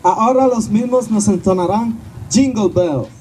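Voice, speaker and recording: A man's voice: sits high, measured pace. A man playing a schoolteacher leading children at a Christmas party in an amateur stage play. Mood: announcing. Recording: noisy distant amateur stage recording.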